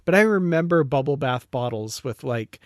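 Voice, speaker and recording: A man's voice: mid-range voice, lively intonation, moderate pace, dry recording, studio quality. A man co-hosting a podcast in casual review chat, easygoing, recapping scenes and laughing along. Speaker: podcast co-host.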